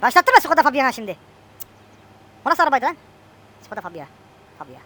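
Fast, bright-voiced woman joking around. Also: high voice, big pitch swings. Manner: joking, bantering with a friend. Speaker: gameplay streamer. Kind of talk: casual chat while playing a farming game.

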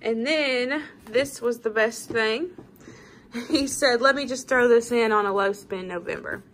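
A woman's voice: fairly high pitch, unhurried, a little hiss or hum, rough recording. A woman with a Southern US accent, chatting casually to camera at her kitchen table and saying y'all often. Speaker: vlogger showing a grocery haul.

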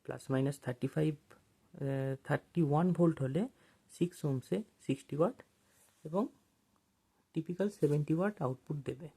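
Someone narrates an informal technical tutorial as an instructor, explaining step by step with pauses along the way. The voice is medium-pitched and warm, creaky with a breathy edge.

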